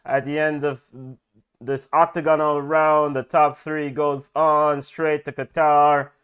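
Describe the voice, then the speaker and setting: A man co-hosting a football watch-along, talking through the match in a lively, casual way with frequent fillers. His voice sits a little high and sounds smooth and resonant. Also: slow pace.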